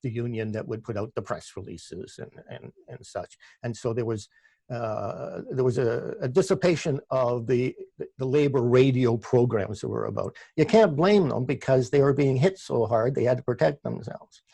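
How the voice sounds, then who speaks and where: A man's voice: mid-range voice, moderate pace, gravelly, warm tone, slightly rough, no echo. A man with a Canadian accent, a radio producer talking as a guest in a casual interview, often restarting and repeating words.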